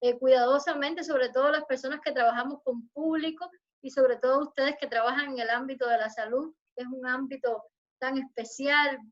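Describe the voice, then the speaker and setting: A high-pitched woman lectures to students over a video call, her speech measured and explanatory. The audio comes through dull and lo-fi. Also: fairly even intonation. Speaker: university lecturer. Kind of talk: online lecture.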